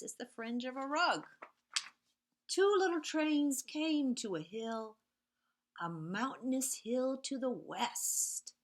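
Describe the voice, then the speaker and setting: Reading picture books to young children, a woman with a medium-pitched voice goes animated and sing-song, at times falling to hushed, whispery repeated sound words. She stops now and then to point things out to her listeners.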